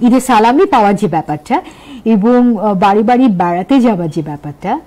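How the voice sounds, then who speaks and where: Mellow Bangladeshi woman hosting a talk show. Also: mid-range voice, lively intonation, brisk. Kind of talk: presenting a festive TV talk show.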